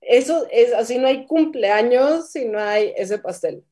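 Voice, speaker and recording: A woman co-hosting a casual chat, answering in a thoughtful, hesitant way with pauses. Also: fairly high pitch, expressive, mellow. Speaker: co-host.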